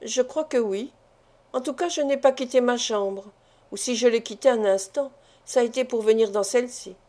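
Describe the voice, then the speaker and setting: A woman's voice: fairly high pitch, moderate pace, mellow, lightly acted. A woman reading the lines of a worried middle-aged mother who answers earnestly. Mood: answering.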